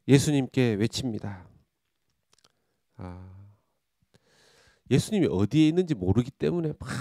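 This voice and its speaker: A middle-aged pastor preaching a sermon, telling a Bible story and acting out the cries and thoughts of its figures, often rising to a loud voice. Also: male voice, mid-range voice, no echo, clean studio sound.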